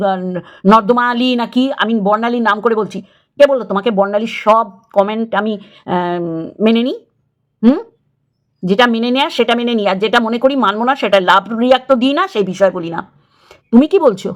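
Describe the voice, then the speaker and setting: Woman, middle-aged, higher voice, confrontational, scolding rant, repeats herself. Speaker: YouTube creator. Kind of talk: angry rant to camera.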